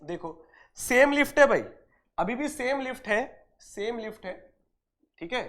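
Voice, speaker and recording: A man's voice: very high voice, animated, measured pace, a bit bright. Repetitive, question-asking male lecture teacher. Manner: repeats questions and answers them himself, calls students dear and brother; mixes English technical terms into Hindi speech. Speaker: engineering exam-prep teacher. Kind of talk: online lecture.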